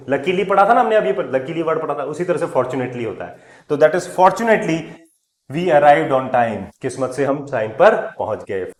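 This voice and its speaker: A man teaching English words, reading example sentences slowly and clearly, then explaining them in Hindi, stressing each new word loudly before trailing off softly. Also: medium pitch, reverberant.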